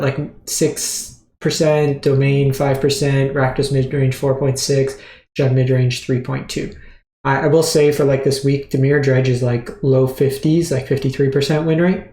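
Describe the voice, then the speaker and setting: A man hosts a casual game meta breakdown, speaking at an ordinary pitch with plenty of fillers and self-corrections. He is still short of breath. His voice carries a noticeable room echo. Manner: relaxed, filler-heavy, frequent restarts. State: short of breath after surgery. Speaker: host.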